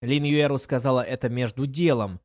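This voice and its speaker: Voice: mid-range voice, normal speed, a little mellow. A narrator reading a storybook aloud. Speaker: audiobook narrator.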